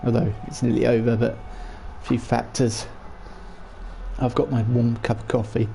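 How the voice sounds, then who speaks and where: A man with a croaky voice hosts a gaming livestream in a chatty, rambling, self-deprecating way. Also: mid-range voice, flat delivery, unhurried, dark tone, a little hiss or hum. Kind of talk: casual livestream game commentary.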